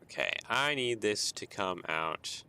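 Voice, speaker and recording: An unhurried man with a lowish, clean-toned voice offers casual commentary while streaming a game. He muses aloud about his building, chuckles often, and drifts along in a relaxed, sleepy way, yawning, with quiet music behind him.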